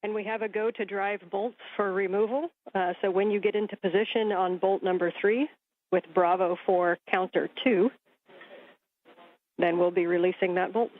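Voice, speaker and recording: A woman of medium pitch relays technical instructions as a mission control communicator. She is measured and procedural, heard over a dry, narrow radio link that sounds thin like a phone line. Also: fairly even intonation, no room sound.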